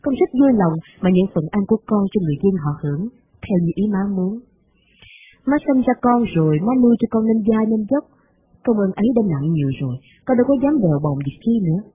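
A woman voicing a humble but resentful young adult son, with a measured, formal delivery. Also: mid-range voice, very animated, breathy edge, muffled recording. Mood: aggrieved, humble. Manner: measured, formal letter reading.

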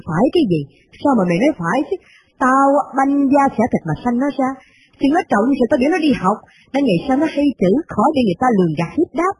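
A woman's voice: high voice, very animated, fast talker, background noise, voice pushed up. A woman voicing a domineering old rich mother, blunt and scolding. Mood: indignant.

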